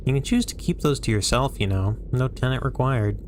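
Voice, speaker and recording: A man's voice: medium pitch, lively intonation, fairly quick, darkish tone, slight background noise, lightly acted. A man playing a dry, guarded investigator. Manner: dry, sardonic. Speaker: stream host reading the lead.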